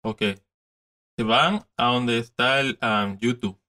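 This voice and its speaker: A man's voice: medium pitch, takes it slowly, pushed and bright. A man in his thirties giving a casual step-by-step screen tutorial from his desk, repeating steps and mixing in English words. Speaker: tutorial host.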